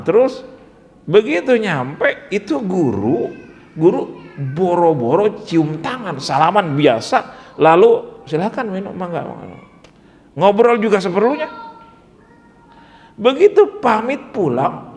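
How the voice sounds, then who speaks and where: A man teaching a religious study session, telling stories in an animated way, acting out the voices and often laughing. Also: a little high. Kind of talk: storytelling sermon. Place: pesantren prayer hall. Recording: echoey hall.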